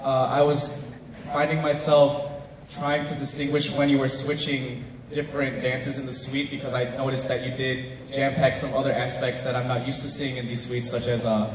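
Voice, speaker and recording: A man judging a dance competition, giving emphatic, animated live feedback that stresses key words. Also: mid-range voice, normal speed, slight background noise. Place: large hall at a live competition. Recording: echoey hall from far off with crowd.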